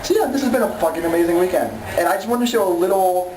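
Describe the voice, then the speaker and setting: Hoarse man vlogging on a noisy camera. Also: high-pitched, very fast. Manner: excited, swears freely. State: hoarse from screaming. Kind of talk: casual vlog chat.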